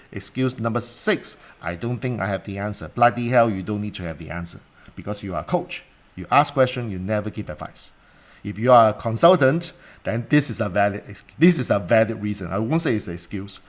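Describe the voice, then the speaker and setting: Blunt man with a strong Cantonese accent. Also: fairly low pitch. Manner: blunt and emphatic, mildly swearing, with rhetorical questions and repetition. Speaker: coach and mentor teaching a live online class. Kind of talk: informal live online teaching.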